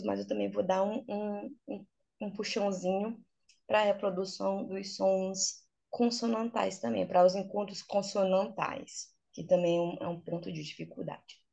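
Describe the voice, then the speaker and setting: A young adult woman with a Brazilian accent and a mid-range, husky voice with vocal fry teaches English informally over a video call, her laptop close up in a small plain room. She's animated, often asking rhetorical questions and acting out examples.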